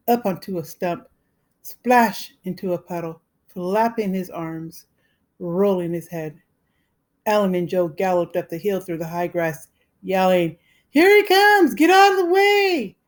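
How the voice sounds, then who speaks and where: A woman reading a children's novel aloud in a slow, deliberate storytelling manner. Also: fairly low pitch, warm tone. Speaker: reader.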